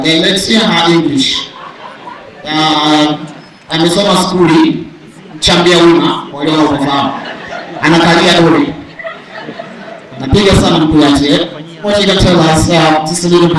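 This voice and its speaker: A man's voice: on the high side, a bit bright. A man with a Tanzanian accent speaks as master of ceremonies at a live event, addressing the audience in a playful, informal way. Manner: playful, informal, with call-and-response. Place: large echoing hall at an event. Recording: echoey hall, distant mic, faint noise.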